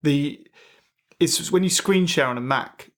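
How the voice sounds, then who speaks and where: A man co-hosting a podcast, talking casually in a chatty, halting way. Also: a little high. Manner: chatty, halting, laughs easily. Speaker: podcast co-host. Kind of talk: casual tech chat.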